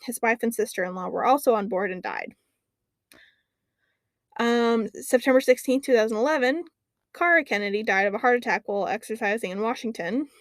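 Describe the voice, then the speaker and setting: A woman's voice: on the high side, no echo. Podcast lady reading off her notes, lots of ums, dry close mic. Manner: chatty, fills pauses with "um". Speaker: podcast co-host. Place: lives near an Alaskan lake.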